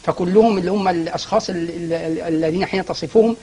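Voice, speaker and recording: Guy guest on a tv talk show, talks super fast, bit husky, keeps restarting his words. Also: sits high, steady tone, dark tone. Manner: fast, explanatory, frequent restarts and fillers. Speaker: guest scholar. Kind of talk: studio TV interview.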